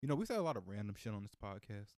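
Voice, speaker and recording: Wry lively podcast co-host, dry sound. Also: male voice, on the low side, dry recording. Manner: wry, quick comebacks. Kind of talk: casual joking chat.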